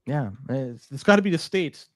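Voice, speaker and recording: A man's voice: medium pitch, lively intonation, normal speed, no room sound, clean studio sound. A man from Toronto co-hosting a podcast, chatting casually in an exasperated, swearing way. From Toronto, Canada. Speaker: podcast co-host.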